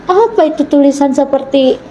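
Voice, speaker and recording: High-pitched woman telling an earnest testimony. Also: animated, mellow, highs cut off, a little hiss or hum. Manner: earnest storytelling, acting out her own dialogue, with halting restarts. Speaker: interview guest giving a conversion testimony. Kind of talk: personal testimony in conversation.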